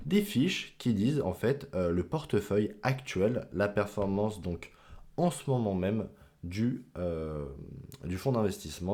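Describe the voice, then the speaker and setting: A man explains investment charts to his viewers in a loose, conversational tone, full of fillers and small jokes at his own expense. His voice sits a little low and sounds mellow and soft-edged. He comes across as an amateur host rather than a polished presenter. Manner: chatty, filler-heavy, self-mocking asides. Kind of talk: casual screen-share explainer.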